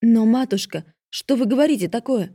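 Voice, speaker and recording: A woman's voice: fairly high pitch, lively intonation, moderate pace, dark tone, dry recording, clean studio sound, pitched above the performer's own voice. A woman voicing a timid young stepdaughter who pleads meekly. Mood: pleading. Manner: pleading, meek.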